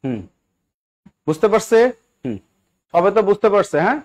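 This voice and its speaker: A man's voice: high voice, sing-song, normal speed, a little mellow. A man with a Bangladeshi Bengali accent teaching English grammar in a live online exam-prep class, coaxing students and checking again and again that they understand. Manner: coaxing, repeats questions and checks understanding often.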